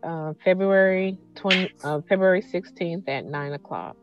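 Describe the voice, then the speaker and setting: A woman's voice: on the low side, moderate pace, lo-fi sound, soft background music. A woman working as a court clerk, giving scheduling details in procedural fashion on a video call.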